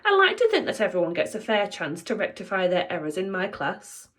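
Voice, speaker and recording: A woman's voice: medium pitch, huge pitch swings, a little fast. A woman voicing a cruel, gloating female schoolteacher in a children's storybook reading, snapping and relishing her words. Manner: sharp, snapping, relishing each word.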